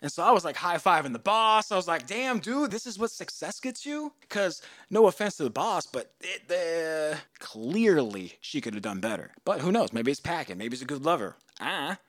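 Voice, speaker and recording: A man in his thirties hosting a podcast, telling a story in a casual, animated way and jumping into loud, high voices for the people he quotes. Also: moderate pace, few pauses, no room sound, studio quality. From United States. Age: 30s. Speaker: podcast host.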